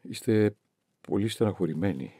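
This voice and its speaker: A man's voice: fairly low pitch, lively intonation, mellow, husky, no room sound. Johannes, a humble earnest young man, read by a man. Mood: gentle soothing.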